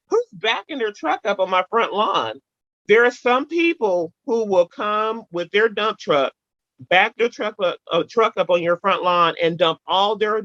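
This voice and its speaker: A woman guest in a casual interview, telling animated stories with emphatic repetition and playful sound effects. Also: fairly low pitch, no room sound, dull audio.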